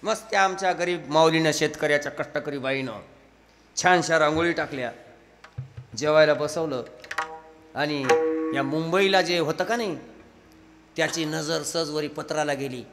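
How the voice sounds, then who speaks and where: A high, gravelly male kirtan preacher with a bright, forceful edge and a dialect. He tells village tales with lively acted dialogue. His voice rings with a long hall reverb. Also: normal speed, long pauses. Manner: lively storyteller acting out village dialogue, shouting and laughing. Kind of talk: humorous kirtan sermon with storytelling.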